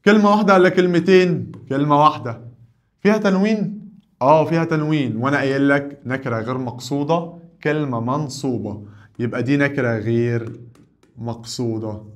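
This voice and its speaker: An Arabic teacher with an Egyptian accent walks through grammar drills. He pitches each question up with energy, then settles down low and firm for the answer, in the steady back-and-forth rhythm of a classroom lesson. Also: brisk.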